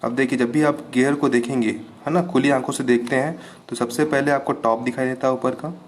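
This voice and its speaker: A man teaching an engineering class, explaining each term slowly and checking over and over that students follow. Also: mid-range voice, fairly even intonation, a little hiss or hum. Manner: patient, repeats terms with "ठीक है, clear है" checks. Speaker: engineering lecturer. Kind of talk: classroom lecture.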